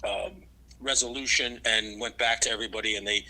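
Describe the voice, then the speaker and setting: Fields: Sex: man. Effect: on speakerphone. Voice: very bright. Pitch: low-ish. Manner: halting, filler-heavy. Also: fairly even intonation, low-quality recording. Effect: heard over speakerphone in the room. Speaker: remote meeting participant. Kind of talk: meeting report.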